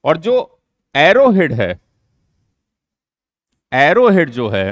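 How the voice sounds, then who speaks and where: A man's voice: fairly high pitch, wildly swooping pitch, extremely slow, no room sound, clean studio sound. A man teaching a physics lesson, explaining step by step and answering his own questions. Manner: mixes English terms into Hindi. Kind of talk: classroom lecture.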